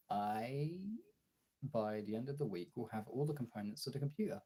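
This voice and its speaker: A British man with a low, dark, gravelly voice that comes out raspy and throaty, hoarse from illness and clearing his throat. He's a live streamer and audio voice performer chatting casually on a livestream, informal and sweary.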